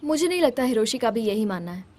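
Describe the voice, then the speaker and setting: A woman's voice: a little high, sing-song, fast, darkish tone. A young woman dubbing a cautious female student who reasons carefully, in a Hindi film dub. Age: young adult.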